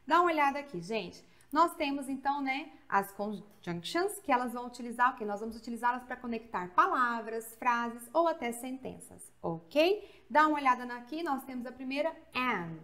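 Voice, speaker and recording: With a Brazilian accent, a woman from Goiás runs an energetic, chatty English grammar lesson that alternates Portuguese and English and keeps leaning on tag questions. She talks at a moderate pace with a highish voice and barely pauses.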